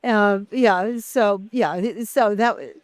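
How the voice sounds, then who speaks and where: An older woman, a guest actress in an interview, reminiscing in a halting way with many fillers and restarts. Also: mid-range voice, no echo.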